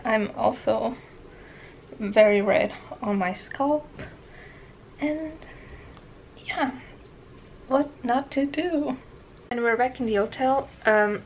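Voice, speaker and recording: This is a casual vlog from a young travel vlogger with a Portuguese accent, her voice pitched a little high as she talks in a drawn-out, unhurried way. Holding the camera at arm's length in a hotel room and her home living room, she chats and drifts from topic to topic. The recording is low quality, with a faint hiss of room noise under her voice.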